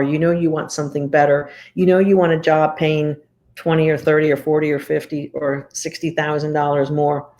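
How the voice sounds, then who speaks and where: A woman's voice: deep voice, darkish tone. A middle-aged woman coaching viewers in a direct, emphatic talk that repeats points for emphasis. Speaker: leadership coach.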